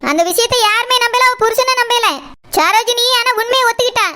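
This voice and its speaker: A woman's voice: very high voice, brisk, background noise. A woman voicing a grown daughter in a cartoon, reassuring her mother and explaining at length. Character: grown daughter Saroja, anxious, soothing.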